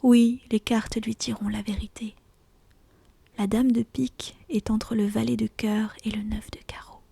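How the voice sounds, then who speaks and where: A woman reading literary fiction as an ASMR audiobook in a hushed, breathy, deliberate whisper, close to the mic. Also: fairly high pitch, little pitch movement, no room sound. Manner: slow, hushed, deliberate storytelling. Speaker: audiobook reader.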